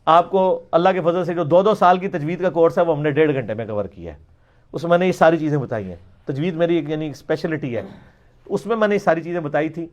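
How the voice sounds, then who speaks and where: A man giving an emphatic question-and-answer lecture, repeating words to demonstrate how they are pronounced. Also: fairly high pitch. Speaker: religious lecturer.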